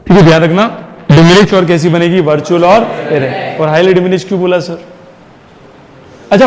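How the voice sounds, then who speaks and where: High-voiced man teaching in an echoing hall. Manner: call-and-response questioning, drills answers with repeated questions; mixes Hindi with English terms. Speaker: science teacher. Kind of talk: classroom physics lesson. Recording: long reverb in a hall.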